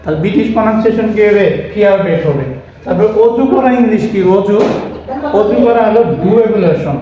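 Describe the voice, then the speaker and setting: Speaking at normal speed in a high, animated voice, a man goes through English vocabulary, spelling words one letter at a time and answering his own questions. The recording sounds muffled, and the room is very echoey with faint noise.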